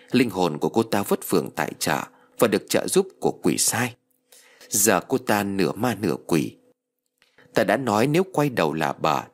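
A man voicing a kindly old sorcerer. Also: fairly low pitch. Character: kindly old male sorcerer, calm and wise. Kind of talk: storybook reading.

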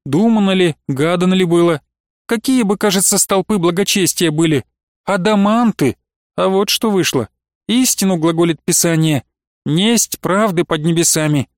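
A man's voice: high-pitched, normal speed, dry recording, studio quality, natural voice. A man voicing a grieving, pious old nun who laments and pleads tearfully. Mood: mournful. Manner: lamenting, sing-song pleading.

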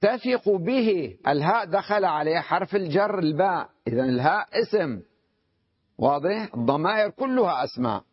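A man with a fairly high voice teaches a grammar lesson, stopping again and again to ask his students whether they follow. He slows right down to read out quoted lines. The recording is dull and lo-fi. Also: lively intonation, breathy edge, no echo. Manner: checks understanding with frequent questions to students. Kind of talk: classroom lesson.

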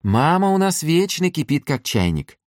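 A man voicing a bright, playful young woman. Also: on the high side, big pitch swings, normal speed, no room sound, clean studio sound, pitched above the performer's own voice. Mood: cheerful. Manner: playful, teasing. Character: cheerful teasing young woman, light and playful.

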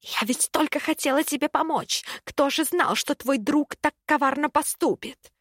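A woman's voice: high-pitched, normal speed, dry recording, studio quality, pitched above the performer's own voice, natural voice. A woman doing a pleading, wronged young witch. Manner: pleading, sorrowful.

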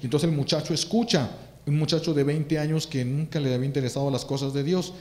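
Priest preaching, fervent, repeats himself a lot, kinda high voice, echoey room. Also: male voice, fairly even intonation, quick pace, mellow. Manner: fervent, repeats phrases for emphasis. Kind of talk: sermon.

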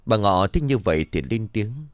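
Người đàn ông giọng trầm kể chuyện ma. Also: male voice, on the low side, big pitch swings, moderate pace, clean tone, no echo, clean studio sound. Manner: dramatic, vivid narration. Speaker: storyteller. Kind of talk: horror story narration.

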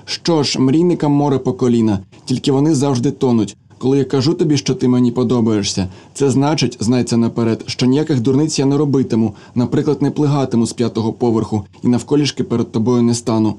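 A man reading the part of a sharp-tongued young woman in an audiobook, in an ironic, teasing manner. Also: mid-range voice, fast, natural voice. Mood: mocking.

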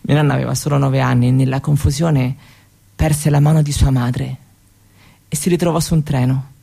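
An actress plays a young Roma woman shyly and hesitantly recounting her grandmother's story, a theatrical monologue delivered like spoken testimony. Her voice is bass, steady, creaky, dark and slightly rough, exaggerated, at a moderate pace. The mood is grave and sorrowful.

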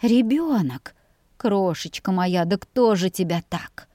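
A woman's voice: mid-range voice, animated, slow pace, warm tone, no echo, clean studio sound. Fussy, anxious farm wife who chatters, a woman reading her. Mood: alarmed. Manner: fretful, chattering.

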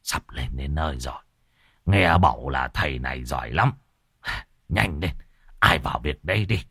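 A man voicing a stern elderly village elder who gives gruff orders. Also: extremely low pitch, expressive, normal speed, bright, forceful tone, dry recording, studio quality, voice pushed down, exaggerated voice. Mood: commanding. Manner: gruff and commanding.

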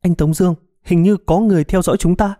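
A man's voice: high-pitched, steady tone, fast, dark tone, no room sound, clean studio sound, voice pushed up, lightly acted. A man voicing a timid, frightened young woman who speaks in a trembling way in a storybook. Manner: trembling, fearful.

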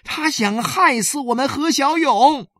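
A man playing a shrill, angry wife. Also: measured pace, pushed and bright, no room sound, studio quality, exaggerated voice. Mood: outraged. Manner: shrill, accusing. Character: shrill angry woman defending her husband.

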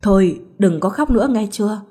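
A woman's voice: mid-range voice, expressive, fairly quick, mellow, husky. A woman reading a doting young husband. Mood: tender.

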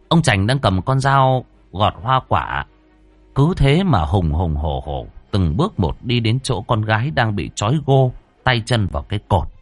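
A man's voice: lowish voice, dry recording. A man telling a ghost story in scripted, dramatic narration.

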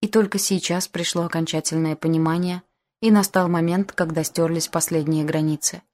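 A woman narrating an audiobook in the first person, with calm, even storytelling. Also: fairly low pitch, normal speed.

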